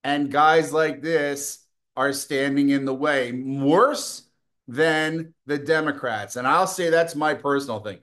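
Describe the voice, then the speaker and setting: This fairly bright, somewhat high male voice takes its time. He's a middle-aged political commentary host delivering a scornful, combative monologue laced with profanity, coughing now and then.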